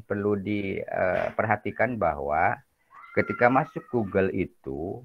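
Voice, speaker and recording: Guy teaching a class, joking around a lot, keeps asking ya nggak, muffled lo-fi sound. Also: fairly low pitch. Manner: chatty, jokey, peppers talk with tag questions. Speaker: university lecturer. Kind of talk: casual classroom lecture.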